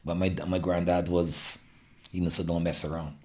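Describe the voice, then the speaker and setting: A middle-aged man with a Barbadian accent talks in a very deep voice. He is earnest and sincere, often stopping and restarting mid-sentence as he gathers his thoughts. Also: level tone, darkish tone. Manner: earnest, halting, many restarts. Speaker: guest. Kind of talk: casual interview.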